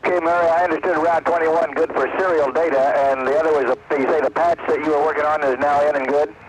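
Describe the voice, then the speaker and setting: A male astronaut reports over a space radio link with faint hiss and a breaking-up signal. His voice sits a little high and he speaks quickly, in a technical, matter-of-fact way. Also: fairly even intonation. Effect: space radio transmission. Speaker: astronaut running an experiment aboard a spacecraft. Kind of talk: procedural space-to-ground radio chatter.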